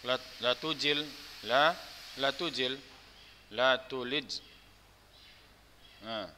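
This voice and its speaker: Guy running an arabic grammar drill, bright tense voice, reverby room with a bit of hiss. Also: medium pitch, very slow. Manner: recites Arabic verb patterns and calls on students by name; patient, asks students to speak up. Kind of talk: online class drilling word forms.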